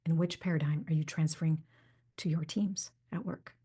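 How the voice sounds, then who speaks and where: Woman podcast host, dark husky voice. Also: deep voice, normal speed. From United States. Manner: animated storytelling, acts out quoted dialogue. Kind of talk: storytelling solo podcast.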